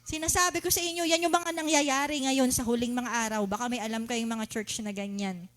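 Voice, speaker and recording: A woman with a Filipino accent preaching a sermon, asking the congregation questions and mimicking excited worshippers. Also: on the high side, fairly quick. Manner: animated, asks the congregation questions, laughs, mimics shouting worshippers.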